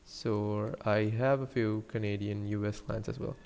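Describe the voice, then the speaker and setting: A man's voice: fairly low pitch, fairly even intonation, measured pace, creaky, darkish tone, clean tone, in a large hall. A young man from Sri Lanka, a 3D designer chatting casually and joking with viewers while he models on a live stream. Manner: rambling, joking with chat viewers.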